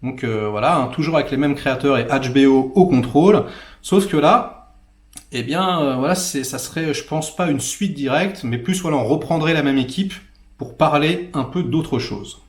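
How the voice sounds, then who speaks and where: A middle-aged man from France giving a casual talk-to-camera series review, chatty and animated, dotting his talk with little asides. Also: fairly high pitch, normal speed. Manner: chatty, full of "voilà" and "hein" asides; animated, acts out quoted characters. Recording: roomy echo.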